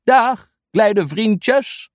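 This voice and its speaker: Man doing a slow, kindly old man. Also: high-pitched, animated, dry recording, studio quality, pitched above the performer's own voice, exaggerated voice. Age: older.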